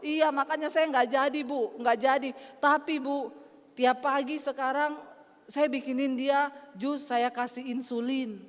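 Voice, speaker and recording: Woman preacher as bitter wife, confiding, high voice, echoing hall. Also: fairly even intonation, unhurried. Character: embittered wife, matter-of-fact about poisoning her husband. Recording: long hall reverb.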